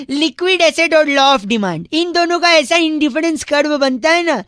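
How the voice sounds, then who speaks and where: A man making prank phone calls in a high boyish put-on voice, rattling off mock-serious nonsense and giggling. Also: a little slow, heavy background noise. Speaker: radio prank caller.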